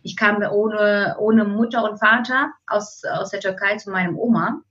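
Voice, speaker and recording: A woman in her forties from Turkey, speaking German with a Turkish accent, telling her personal story candidly with many pauses and fillers. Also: medium pitch, fairly even intonation, a bit bright, muffled recording. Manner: candid, halting with frequent fillers. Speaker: guest, keynote speaker.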